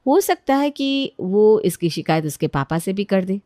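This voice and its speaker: A woman narrating a cartoon moral story in a steady storytelling manner. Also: mid-range voice, unhurried, no echo, studio quality.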